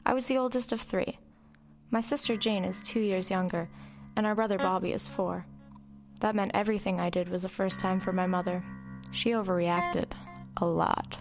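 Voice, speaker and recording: A woman's natural, mid-range voice carries a confiding first-person dramatic narration, in which she plays a wry narrator reflecting on a troubled girlhood.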